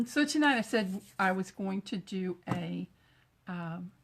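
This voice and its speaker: A woman's voice: mid-range voice, animated, slow pace, creaky. A middle-aged woman from Texas, chatting and greeting viewers as she demonstrates a craft project during a live stream. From Texas, USA. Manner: chatty, greets viewers while working with her hands.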